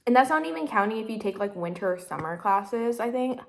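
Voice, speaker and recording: A woman's voice: mid-range voice, animated, brisk, gravelly, slight background noise. Rambling twenty-something woman chatting while eating. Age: 20s. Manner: chatty, rambling, heavy use of "like" and "literally"; talks while eating, mouth full. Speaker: vlogger. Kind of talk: casual mukbang chat.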